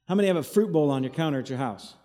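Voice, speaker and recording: A man's voice: a little high, animated, racing, dark tone. A man preaching an evening sermon as associate pastor, leading call-and-response with the congregation, his voice echoing as if in a cave. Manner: call-and-response preaching, has the crowd repeat after him. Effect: cave-like echo. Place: church hall, evening service. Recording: echoey church hall, cave-like reverb.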